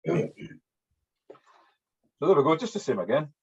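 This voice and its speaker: A man with a fairly high, husky voice, very animated yet measured in pace, teaches fly tying through an informal hands-on demonstration. His Scottish accent is strong and broad, and he's chatty, often finishing sentences with "yeah". The lo-fi recording sounds dull and muffled.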